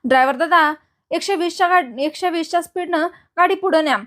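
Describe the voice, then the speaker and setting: A woman's voice: extremely high pitch, fairly quick, fairly bright tone, pitched above the performer's own voice. A woman voicing a blind young woman who teaches physics, plain and matter-of-fact.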